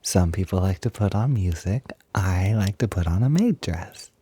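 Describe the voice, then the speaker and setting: A young man's low, mellow, slightly rough voice stays animated at a moderate pace. He acts out a one-sided intimate roleplay as a feminine male roommate who is playful and eager, coaxing and chatting in a hesitant way that sounds improvised.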